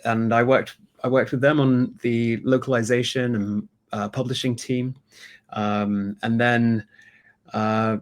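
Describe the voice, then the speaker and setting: A man raised in Hong Kong speaks with a British accent, giving relaxed interview answers over a video call. His voice sits at an ordinary pitch, and he talks in a chatty way, laughing often and restarting sentences with plenty of fillers. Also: slow. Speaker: guest, sourcing company co-founder.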